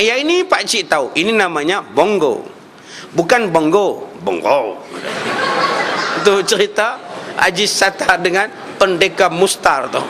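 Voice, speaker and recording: A man's voice: high voice, sharp tone. A Malaysian Malay man preaching a humorous sermon, joking with the crowd and drawing out recited words to show pronunciation. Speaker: religious preacher. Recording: long hall reverb.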